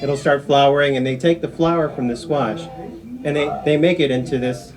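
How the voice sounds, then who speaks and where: Customer guy on tv, slightly high voice, explaining food with lots of uhs. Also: steady tone, moderate pace. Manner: friendly, explains food with fillers. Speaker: restaurant customer.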